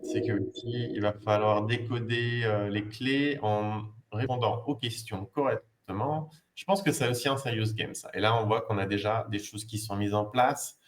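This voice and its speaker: A man's voice: lowish voice, steady tone, moderate pace, hardly any pauses, noisy background. A man, a language teacher, casually presenting learning games on a video call, explaining step by step with many fillers and hesitations.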